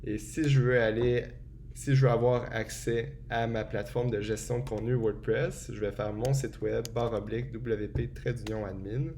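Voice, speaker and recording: A man walks through a software setup step by step in a relaxed tutorial, often pausing with hesitations. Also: mid-range voice, slight background noise. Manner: relaxed and explanatory, frequent hesitations. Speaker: tutorial presenter. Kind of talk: screen-recorded software tutorial.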